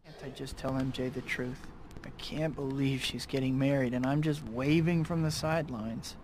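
A man's voice: medium pitch, steady tone, normal speed, darkish tone, slight background noise, natural voice. A man playing a young, quippy, sarcastic masked superhero in a video game, cocky yet full of self-doubt. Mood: downcast.

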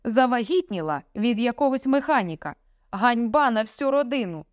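A woman voicing a stern, domineering middle-aged father who shouts and sneers at his daughter in a read-aloud story. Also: a little high, lively intonation, normal speed, no room sound, studio quality, pitched above the performer's own voice, lightly acted. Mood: scornful. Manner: shouting, sarcastic, commanding.

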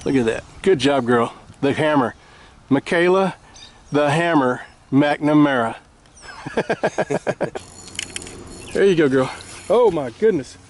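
A fishing guide on a small canal boat offers excited, repetitive coaching commentary, cheering his clients and repeating praise. His slightly high voice goes slowly with long pauses, recorded outdoors by an action camera on the boat with wind and water noise.

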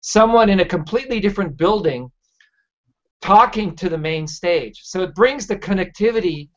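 A man's voice: high voice, lively intonation, moderate pace. A man hosting a casual video-call conversation, telling stories in a rambling, enthusiastic way. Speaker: host. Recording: dull lo-fi video-call audio.

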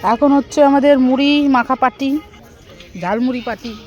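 This is casual vlog narration from a woman in her thirties from West Bengal, who walks by a lake with friends, filming on a handheld phone and chattily describing the outing. Her high, slightly mellow voice keeps a steady tone at normal speed; the recording is muffled, with faint music behind.

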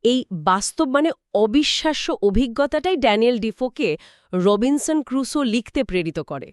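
A woman's voice: a little high, expressive, normal speed, dry recording, clean studio sound. A woman co-hosting a scripted history conversation, filling in story details and reacting with brief agreement. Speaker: co-host. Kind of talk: scripted two-host history chat.

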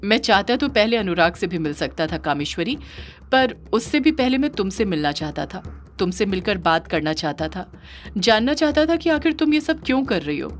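A woman's voice: mid-range voice, sing-song, moderate pace, faint music behind, lightly acted. A woman voicing a jealous male yaksha spirit in an audio story, pleading and accusing in a raised voice.

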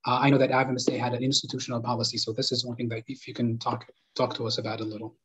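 Young sudanese guy on a video call, hesitant with lots of ums, monotone. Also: medium pitch, racing, breathy edge. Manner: hesitant, many fillers and restarts. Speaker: panelist and moderator. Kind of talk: conference panel talk. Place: living room at home. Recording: dull lo-fi video call audio.

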